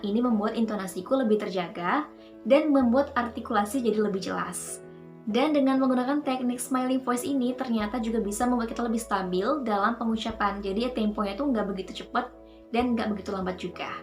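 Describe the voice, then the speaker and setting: A cheerful young woman hosting a casual tutorial on speaking technique, explaining in an upbeat voice. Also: medium pitch. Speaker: voice-over coach and channel host.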